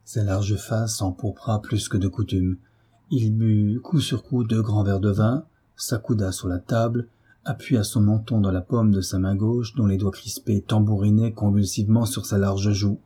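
A male narrator reads a classic novel in a measured, even delivery. His voice is very dark and somewhat husky, sitting a little low. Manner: measured, steady storytelling. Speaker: audiobook narrator. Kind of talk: literary audiobook narration.

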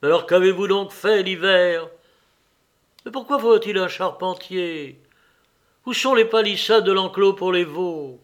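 A man's voice: sits high, measured pace, pitched above the performer's own voice. An impatient landowner snapping demanding questions at his staff, played by a man reading aloud. His voice is lifted a little and pressed with irritation, an audiobook character close to the reader's own tone. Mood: exasperated. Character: impatient landowner, adult male, quick to anger.

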